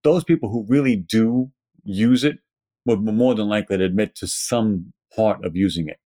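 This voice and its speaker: A man's voice: lowish voice, moderate pace, dark tone, dry recording. A man with a Brooklyn accent explaining things conversationally and emphatically, as an educator being interviewed. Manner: emphatic, poses rhetorical questions. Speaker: pharmacist educator, interview guest.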